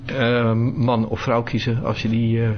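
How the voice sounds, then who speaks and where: A man's voice: medium pitch, completely flat delivery, measured pace, a little hiss or hum. A man giving a casual spoken demonstration to a small group, hesitating often with filler sounds. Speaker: presenter demonstrating phone features to a group. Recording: dull lo-fi recording.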